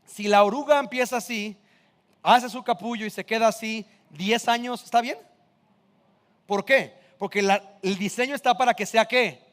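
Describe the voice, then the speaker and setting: A man's voice: high voice, normal speed, fairly bright tone, in a large hall. A man, preaching a sermon in a casual, conversational way full of rhetorical questions. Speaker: pastor.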